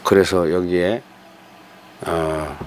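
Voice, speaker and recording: An older man with a fairly low voice gives a meandering spoken commentary. He talks in a folksy, conversational way, stopping for fillers and rhetorical questions. A faint hiss of noise sits under his voice. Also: fairly even intonation, very slow. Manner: folksy, digressive, with hesitant fillers and rhetorical asides. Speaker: host giving a talk on character and family.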